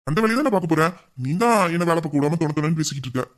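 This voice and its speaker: A man's voice: a little high, animated, very fast. A man playing a flirtatious male boss who teases a staff member in a Tamil audio drama. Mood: teasing. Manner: teasing, playful and bossy. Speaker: boss voicing a romantic male lead.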